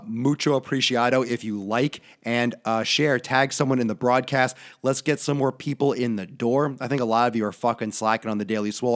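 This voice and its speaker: Hoarse, brash male livestream host. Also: mid-range voice. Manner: brash, profane, jokey hype. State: hoarse, losing his voice from being sick. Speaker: fitness show host. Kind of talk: casual livestream chat.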